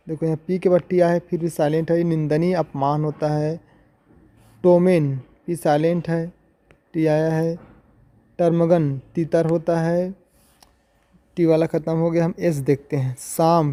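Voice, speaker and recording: A man's voice: a little high, warm tone. A man teaching English pronunciation in a video lesson, going through words one by one with their meanings and repeating points as he explains.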